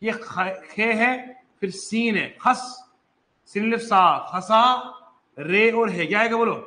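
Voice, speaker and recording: A man's voice: high-pitched, takes it slowly, sharp tone, echoey room, low-quality recording. A man teaching an online reading lesson, coaxing students to sound out letters, mixing in English phrases. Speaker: Urdu teacher.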